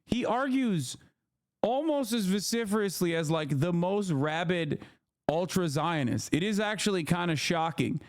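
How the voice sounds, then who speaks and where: A man's voice: sits high, animated, unhurried. A man giving casual reaction commentary to a debate, sarcastic and mocking in tone.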